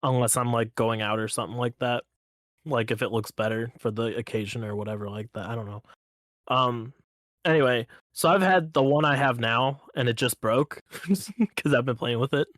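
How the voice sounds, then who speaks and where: A man co-hosting a podcast in casual chat, telling stories in an easygoing, teasing way with halting restarts. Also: medium pitch, a bit bright, no room sound, clean studio sound. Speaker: podcast co-host.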